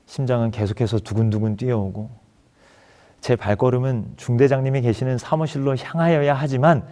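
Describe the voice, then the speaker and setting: A male pastor preaches from the pulpit in an earnest storytelling manner. His voice sits at an ordinary middle pitch. He shifts into the voices of the people in his story as he acts out their dialogue. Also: dark tone. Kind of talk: sermon testimony.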